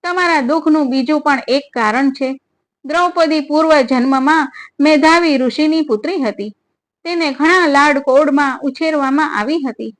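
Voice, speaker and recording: A woman narrating devotional religious stories in a steady, measured reading style. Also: sits high.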